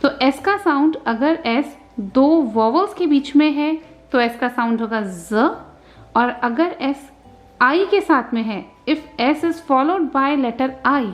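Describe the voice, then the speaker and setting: A woman with an Indian accent teaching phonics, sounding out letters slowly and patiently. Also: high-pitched, animated, soft background music. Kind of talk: slow patient phonics lesson.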